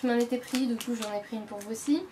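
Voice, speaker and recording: Young woman beauty vlogger, rambling and casual, slightly high voice, recorded at home with clear background noise. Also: steady tone, quick pace. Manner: chatty, many fillers and self-corrections. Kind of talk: casual product show-and-tell.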